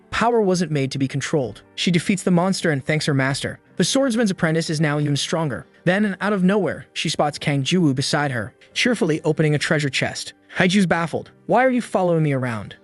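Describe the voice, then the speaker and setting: Guy reading a story recap, steady delivery, pitch a bit high. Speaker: recap narrator. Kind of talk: scripted narration.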